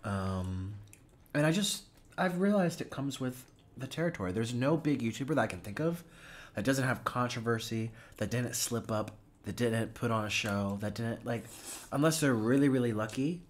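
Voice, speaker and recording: A man's voice: mid-range voice, animated, moderate pace. A man, a mukbang YouTuber, chatting casually while eating, laughing often and trailing off with fillers.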